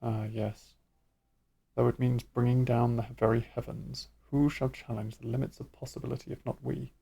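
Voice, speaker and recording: A man's voice: mid-range voice, level tone, normal speed, gravelly, mellow, breathy edge, pitched below the performer's own voice. A man voicing a cold scheming imperial lord. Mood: brooding.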